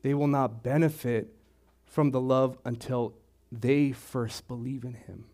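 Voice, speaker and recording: Male pastor, slow measured sermon delivery, repeats phrases, mid pitch. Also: steady tone, mellow. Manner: slow, deliberate preaching with repetitions. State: throat clearing, choked up.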